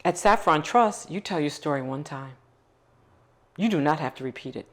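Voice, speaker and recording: A woman's voice: sits low, expressive, moderate pace, fairly bright tone. A middle-aged woman, a nonprofit founder, speaking earnestly and emphatically in a documentary interview.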